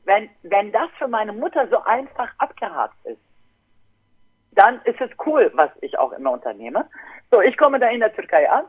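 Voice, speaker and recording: A woman guest telling a family story casually in a podcast, lively and acting out her relatives. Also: medium pitch, normal speed, husky. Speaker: guest DJ and producer. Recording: tinny phone-like line.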